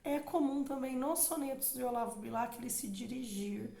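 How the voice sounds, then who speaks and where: A woman's voice: sits high, gravelly, dark tone. A young woman with a Brazilian Portuguese accent, teaching a literature lesson for an exam, reading verse aloud and explaining it directly to students. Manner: explains slowly, addresses students directly, reads verse with emphasis. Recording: echoey room.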